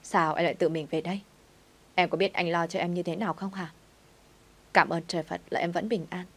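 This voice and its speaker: A woman's voice: on the low side, fairly even intonation, brisk. A woman reading the lines of a pleading young man in a told story.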